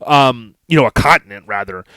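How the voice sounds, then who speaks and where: An American man hosts a podcast in a relaxed, enthusiastic way, often turning to address his audience directly. His voice sits at a medium pitch and the recording is very dry, with no room sound. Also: fairly quick, smooth, dry recording. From United States. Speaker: podcast host. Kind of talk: casual chat.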